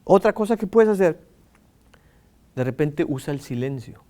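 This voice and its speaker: A man with a Mexican accent teaching a lively lesson on preaching, acting out examples and swinging his tone and pace. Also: fairly high pitch, normal speed. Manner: animated, acts out examples with shifting tone and pace. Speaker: preaching instructor.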